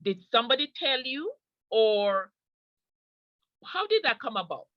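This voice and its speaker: A woman's voice: fairly high pitch, sing-song, measured pace, no room sound. Woman interviewer summing up answers. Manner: recaps and summarizes the guest's answers. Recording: dull lo-fi sound.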